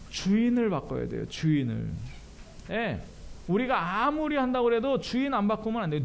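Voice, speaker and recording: A male pastor preaching a sermon in church, animated and self-deprecating, often asking the congregation questions. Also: high-pitched, creaky.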